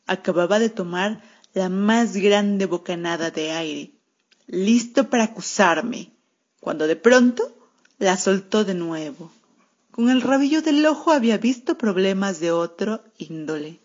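A woman's voice: mid-range voice, expressive, a little slow, a little mellow. Woman reading a story with wry sarcasm. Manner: wry, sardonic first-person narration as a cat. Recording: muffled lo-fi radio recording.

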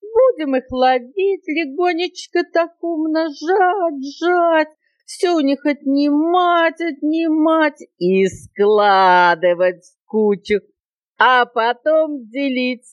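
A woman voicing a cheeky, excitable female monkey in a storybook reading, with an eager, mischievous manner. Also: high-pitched, slow, dry recording, lo-fi sound, voice pushed up.

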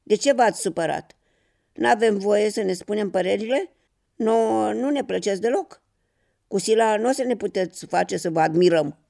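A storyteller voicing a fussy, outspoken patent leather shoe in a children's tale, loud and scolding. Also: mid-range voice, gravelly, voice pushed up, close to an everyday voice. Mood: indignant.

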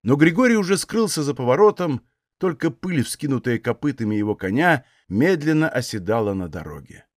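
Lively-voiced male audiobook narrator. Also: medium pitch, dry recording, studio quality. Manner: measured literary reading. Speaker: audiobook reader.

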